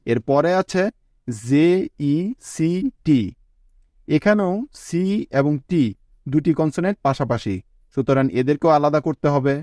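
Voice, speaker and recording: A man giving a scripted spoken lesson as an English teacher, slowly spelling out letters and syllables. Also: a little high, mellow, no room sound, studio quality.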